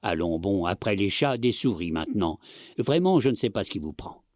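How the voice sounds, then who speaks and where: Give me a man playing an impatient, scolding wife in a storybook reading, low and dry. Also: lively intonation, moderate pace, no room sound, lightly acted. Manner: sharp, scolding.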